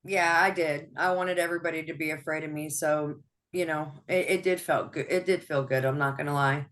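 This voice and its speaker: Low-voiced woman guest on an interview, talks openly, laughs a lot, lots of restarts. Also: steady tone, fairly quick. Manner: open, laughs often, soft-spoken with frequent restarts. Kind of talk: personal interview.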